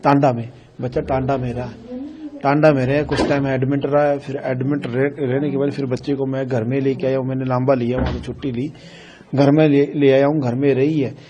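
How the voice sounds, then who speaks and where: A middle-aged man from Himachal Pradesh, a grieving father, recounting events in a news interview in a halting, repetitive way, often quoting what his family said. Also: mid-range voice, little pitch movement, dull audio, a crowd in the background. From Himachal Pradesh, India. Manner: repetitive, halting storytelling that quotes family dialogue.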